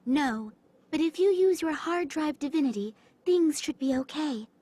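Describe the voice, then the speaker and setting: Heavenly goddess guide for a game: high voice, courteous, composed, formal delivery. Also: female voice, animated, mellow, dry recording. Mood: polite, calm. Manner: polite, formal, measured. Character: small female tome fairy, goddess-like, formal, calm. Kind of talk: scripted game voice acting.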